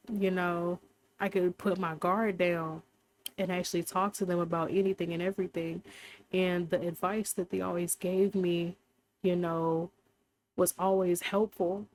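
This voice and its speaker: A woman's voice: fairly low pitch, a little mellow. A young woman hosting a casual faith talk, rambling and heartfelt, with many fillers. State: briefly emotional. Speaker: podcast host.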